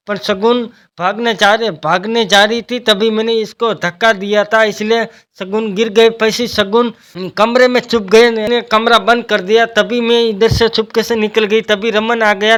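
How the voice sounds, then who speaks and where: A man with a high, clean, smooth voice tells a TV serial's story in a loose, casual way. He rambles from one event to the next, linking everything with "then.". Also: a bit bright. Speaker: TV serial recap narrator. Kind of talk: casual spoken plot recap.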